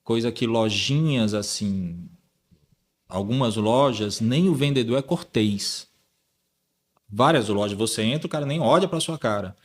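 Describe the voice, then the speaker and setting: A man's voice: medium pitch, unhurried. A man from Brazil hosting a podcast, chatting casually and acting out the dialogue when he tells stories. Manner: lively storyteller who acts out dialogue. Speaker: podcast host.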